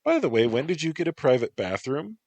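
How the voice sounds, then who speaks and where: A man voicing a teasing, sharp-tongued young woman who pouts when she doesn't get her way, read as a storybook. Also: on the high side, sing-song, fairly quick, dry recording, pitched above the performer's own voice. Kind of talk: storybook narration.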